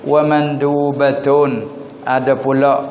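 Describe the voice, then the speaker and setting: A man's voice: medium pitch, level tone, darkish tone, slight background noise. A man from southern Thailand with a Patani Malay accent, giving a religious lecture and putting questions to his listeners. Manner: questioning listeners, drawn-out Arabic terms. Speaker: religious teacher. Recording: echoey hall recording.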